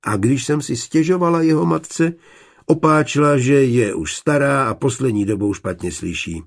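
A man's voice: mid-range voice, gravelly, pitched above the performer's own voice. A man reading an audiobook, voicing an indignant young servant woman with a raised voice. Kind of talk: audiobook character voice.

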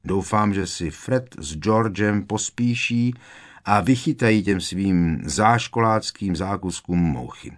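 A man's voice: fairly low pitch, close to an everyday voice. A man voicing a grumpy, whiny teenage schoolboy in an audiobook reading. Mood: grumbling.

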